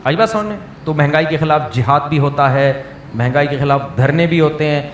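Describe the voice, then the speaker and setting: A man, a mufti answering questions from listeners in a plainspoken, teasing way, often checking whether the point has landed. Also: on the high side. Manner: plainspoken, teasing, keeps asking if the point is understood. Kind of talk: question-and-answer religious talk. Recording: echoey room with faint background noise.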